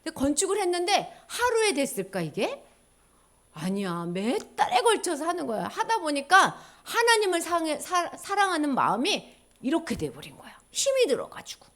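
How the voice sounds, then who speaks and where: A woman preacher giving a children's sermon, animated storytelling in simple words, asking the listeners questions. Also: extremely high pitch, moderate pace.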